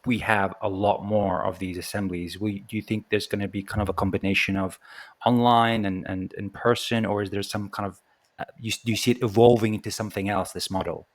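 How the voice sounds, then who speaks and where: Halting man hosting a conversation. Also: lowish voice, steady tone. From Iraq. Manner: hesitant, halting questions with fillers. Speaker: podcast host. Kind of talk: conversational interview.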